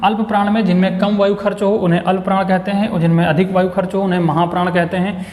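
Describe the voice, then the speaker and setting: A man runs an online exam-prep lesson, repeating every question and answer for his students and cheering them along. His voice sits fairly high. The recording carries a long, echoing reverb from the room. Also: level tone, fast, darkish tone. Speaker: Hindi teacher.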